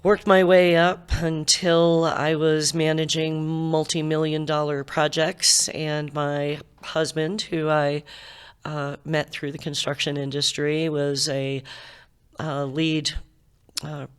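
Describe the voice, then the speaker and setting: A woman's voice: low-pitched, level tone, slow pace, smooth. An older woman from central Massachusetts telling her life story in a chatty, candid way during a casual interview. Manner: chatty, candid, laughs easily while telling stories. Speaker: outgoing museum executive director.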